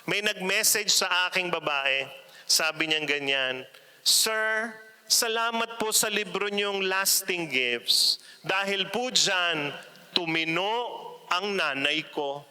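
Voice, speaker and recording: High, bright-voiced preacher. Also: male voice, slow pace, smooth. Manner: animated storyteller, acts out quoted voices, playful asides. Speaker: retreat speaker and preacher. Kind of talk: humorous parenting talk to a large audience. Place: large indoor arena.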